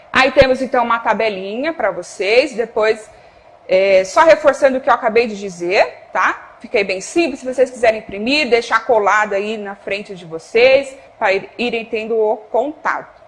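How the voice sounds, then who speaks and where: A Brazilian Portuguese-accented woman teaches a broadcast class in a high, bright voice. She keeps checking in with short "ok?" and "tá?" tags and calls instructions to a producer off camera. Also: expressive, moderate pace. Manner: checks in often with "tá?" and "ok?"; gives cues to a producer off-camera. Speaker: Spanish teacher. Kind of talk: televised classroom explanation.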